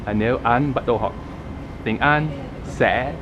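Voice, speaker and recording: A man with an American accent works through broken, hesitant Vietnamese as a native English speaker. It is casual street chat with mid-pitched delivery, and the recording is muffled with clear outdoor traffic noise. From United States. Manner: halting, broken learner Vietnamese. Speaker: vlogger practising languages with strangers.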